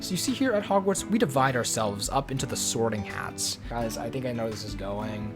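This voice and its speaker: A man's voice: medium pitch, expressive, brisk, over music. A young man reading a story aloud with casual, sarcastic comedic commentary. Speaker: YouTuber.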